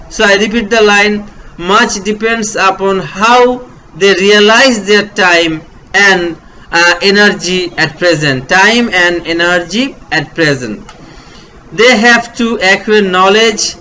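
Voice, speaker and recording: Bangladeshi man, English tutor, high bright voice, unhurried drill-style delivery with "uh" fillers, faint hiss. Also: low-quality recording. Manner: slow, repetitive, step-by-step explaining with fillers. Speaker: teacher. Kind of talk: online English grammar lesson.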